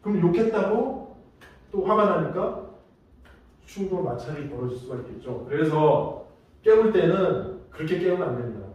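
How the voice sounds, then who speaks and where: Guy teaching a training class, tells stories, acts bits out, higher voice, big echoey hall, mic kinda far. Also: moderate pace, highs cut off. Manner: lively storytelling with acted-out examples. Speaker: safety instructor. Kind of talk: training lecture. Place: large lecture room.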